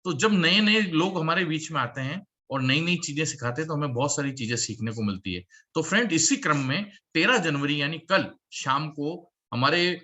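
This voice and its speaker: A man pitches a work-from-home opportunity at a meeting, sounding like an upbeat salesman who repeats points for emphasis and asks for applause. His delivery is bright and forceful with lively intonation, a normal speed, and almost no pauses.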